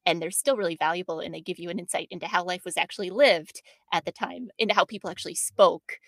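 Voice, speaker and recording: Bright, gravelly woman, dry sound. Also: fairly low pitch, fast talker, no echo. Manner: thoughtful, laughs often, frequent fillers. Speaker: podcast host and documentary editor. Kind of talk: conversational interview.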